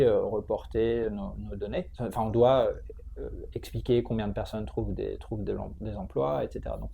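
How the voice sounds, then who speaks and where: A man's voice: fairly low pitch, vocal fry, dark tone, slight background noise. A man answering interview questions in a conversational, explanatory way, hesitating and repeating words as he searches for the next one. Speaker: interview guest, tech training school entrepreneur.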